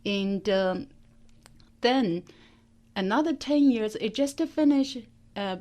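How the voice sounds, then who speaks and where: A woman's voice: on the high side, lively intonation, slow, darkish tone. A woman from China with a Chinese accent, answering as an interview guest, hesitant with many fillers.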